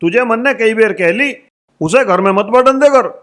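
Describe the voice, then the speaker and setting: A man playing a rough, scolding husband in a village comedy sketch. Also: sits high, expressive, normal speed, a bit bright. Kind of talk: rustic comedy acting.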